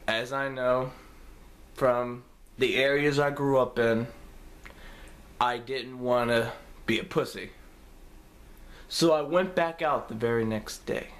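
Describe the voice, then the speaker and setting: Young male vlogger, casual storytime delivery, swears freely and tells it with energy. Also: mid-range voice. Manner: profane, animated storytelling.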